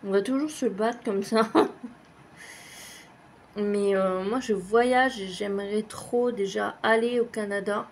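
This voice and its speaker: A woman's voice: medium pitch, fairly even intonation, takes it slowly, long pauses, slight background noise. A woman vlogger chatting casually as she answers tag questions, rambling and hesitant with lots of fillers and the odd swear word. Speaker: craft vlogger.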